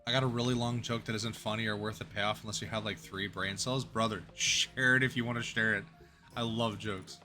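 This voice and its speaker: A man's voice: fairly low pitch, steady tone, fairly quick, sharp tone, faint music behind. A young man streaming a game, chatting casually and telling a long joke in a rambling way with restarts and chuckles.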